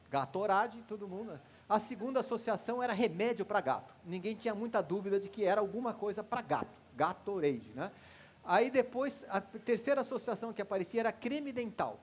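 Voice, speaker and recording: A middle-aged Brazilian man giving an informal, lively marketing lecture, telling stories with examples. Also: high-pitched, husky. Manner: conversational, lively storytelling with brand examples.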